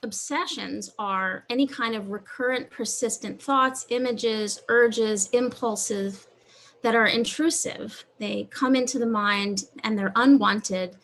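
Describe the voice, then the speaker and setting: A woman's voice: on the high side, fairly bright tone. Woman giving an online lecture. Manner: measured, explanatory. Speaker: psychologist presenter. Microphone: video call.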